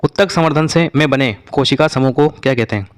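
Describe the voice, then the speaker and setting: A male teacher works briskly through exam revision questions. His voice is clear and smooth, and he quizzes his listeners, then repeats each answer to drill it in. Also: mid-range voice.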